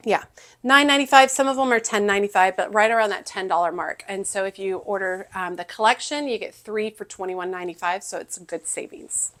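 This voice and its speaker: A woman's voice: mid-range voice, fairly quick, fairly bright tone. Chatty Southern woman gardener. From Texas, US. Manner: chatty, with frequent ums and self-corrections. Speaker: gardening channel host. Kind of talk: casual catalog walkthrough.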